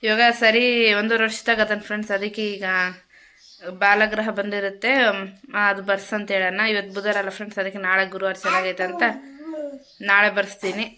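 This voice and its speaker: Bright-voiced chatty woman vlogger. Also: mid-range voice, level tone, brisk, long pauses. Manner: chatty, repetitive, addresses viewers as friends. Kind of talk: casual home vlog chat. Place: home kitchen.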